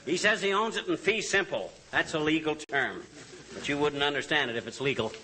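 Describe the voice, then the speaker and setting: An actor playing a blustering, boastful husband in a 1940s radio comedy, firing off quick insults. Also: male voice, fairly high pitch, natural voice. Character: boastful, quarrelsome middle-aged husband. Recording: hissy old radio recording.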